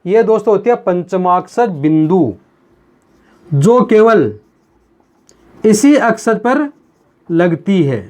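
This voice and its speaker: A man's voice: sits high, animated, dark tone. Male teacher asking and answering questions. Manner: asks the viewers questions and answers them himself; calls the viewers friends, slow and repetitive. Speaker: Hindi grammar teacher. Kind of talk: video lesson explaining at a board.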